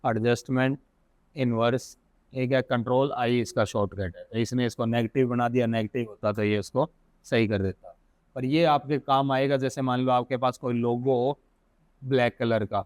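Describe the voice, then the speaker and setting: A man with an Indian accent teaching software in a casual screen-recorded tutorial, thinking aloud and correcting himself as he goes. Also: medium pitch, no room sound. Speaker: software instructor.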